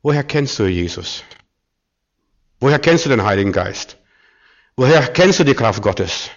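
A man preaching a sermon as a pastor, swinging between loud emphatic bursts and hushed, searching questions. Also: mid-range voice, lively intonation, measured pace. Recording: dull muffled recording.

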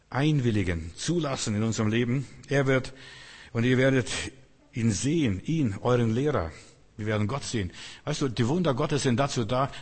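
A man with a husky voice preaches a sermon, hammering home phrases through repetition and turning to his congregation with direct questions. His voice rings with a long echo, as in a large church hall. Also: mid-range voice. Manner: emphatic, repetitive, often asks the listeners "verstehst du".

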